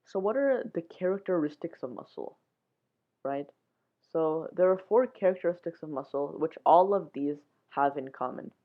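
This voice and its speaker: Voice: medium pitch, animated, normal speed. A science show host giving a casual, informal explainer in plain steps. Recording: muffled, phone-like narrow sound.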